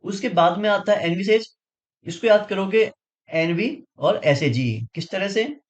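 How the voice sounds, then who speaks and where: Lively high-voiced man teaching. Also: measured pace. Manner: explains with repeated memory tricks, frequent checking questions. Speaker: vocabulary teacher. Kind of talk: exam-prep vocabulary lesson.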